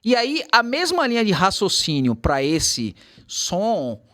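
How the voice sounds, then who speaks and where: A man teaching English to Portuguese speakers in a casual chat, slowing down to model English words carefully. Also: sits high. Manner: animated, switches to slow careful English examples.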